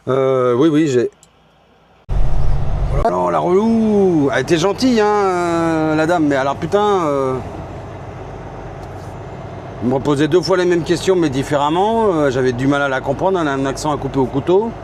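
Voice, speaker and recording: A man's voice: a little high, fairly quick, darkish tone. A man from France with a French accent, a truck driver vlogging casually from his cab and chatting to his viewers. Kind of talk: casual vlog while driving. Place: inside a truck cab on the road. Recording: road noise behind. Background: engine and road noise.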